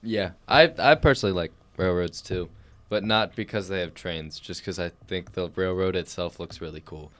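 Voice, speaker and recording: A teenage boy with a very deep, smooth voice co-hosts a casual podcast. He speaks in a laid-back, dry way, and his voice drops quieter as thoughts trail off. The sound is dry and close to the mic. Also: normal speed, no room sound. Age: teens. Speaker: podcast co-host.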